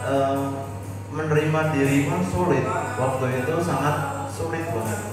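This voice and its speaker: A man in his twenties, talking reflectively in a casual chat with halting pauses. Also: a little high. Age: 20s. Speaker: guest. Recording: echoey room from far off with music.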